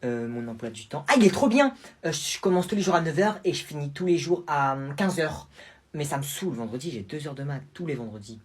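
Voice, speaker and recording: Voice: mid-range voice, lively intonation, fairly quick, slightly rough. A performer voicing a chatty, boastful preteen girl cousin in a comedy sketch. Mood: gushing. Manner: gushing, chatty.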